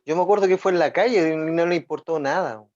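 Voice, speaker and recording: A man with a Chilean accent in casual conversation, animated and joking, dropping slang asides. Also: fairly high pitch, fast. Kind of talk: casual chat. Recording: dull lo-fi recording.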